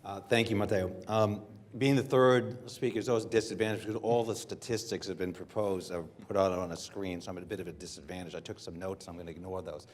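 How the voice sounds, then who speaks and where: An American man speaking on a business conference panel, unscripted and measured, with frequent fillers and restarts. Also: low-pitched, fairly even intonation, a little hiss or hum. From United States. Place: hotel conference room.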